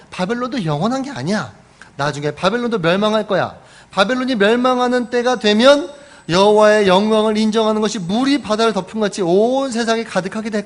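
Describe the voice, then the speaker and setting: A man voicing God as a stern, fatherly male figure who talks bluntly and scolds. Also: sits high.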